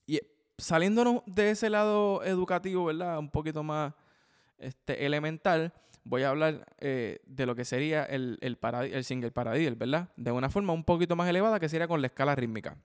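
Drum teacher a resonant voice. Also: male voice, on the high side, brisk, clear, resonant tone. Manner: explains with frequent "ok?" and "¿verdad?" checks, counts sticking aloud. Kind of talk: instructional video lesson. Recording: long hall reverb.

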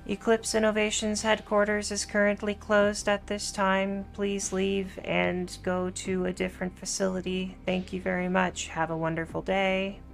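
A woman voicing a security camera's automated voice, flat and monotone. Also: mid-range voice, moderate pace, vocal fry, few pauses, faint music behind, close to an everyday voice.

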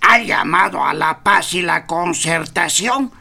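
A nervous, stammering psychiatrist, as a man acts him out in a comedy sketch. His voice is high, gravelly and husky, with a sharp, tense edge. He talks slowly and tries to soothe his patient. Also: lively intonation, heavily acted. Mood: fussy, soothing.

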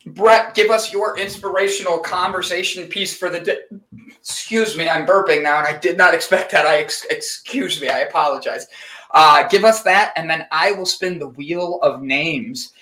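A male host with a fairly high, bright voice, chatting casually and energetically to his viewers. He rambles a little and keeps things upbeat. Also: normal speed. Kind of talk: casual live-stream chat.

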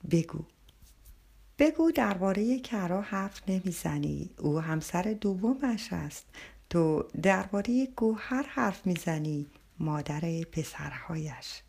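A woman reading the part of a gentle young woman's spirit who coaxes and whispers advice. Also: on the low side, expressive, creaky, slightly rough, exaggerated voice. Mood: urging.

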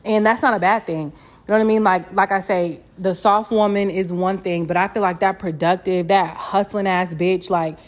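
A woman's voice: medium pitch, steady tone, moderate pace. A young woman chatting casually as a solo podcast host, candid and slangy, swearing freely and repeating phrases for emphasis. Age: young adult.

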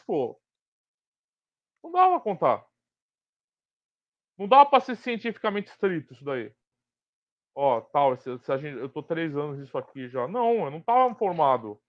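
A Brazilian man with a slight tongue-tied lisp, hosting an unscripted live talk and explaining his points emphatically in halting, repeated phrases. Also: sits high, dry recording, lo-fi sound. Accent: Brazilian Portuguese. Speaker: host of a live sports betting talk stream. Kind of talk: unscripted live commentary and discussion.

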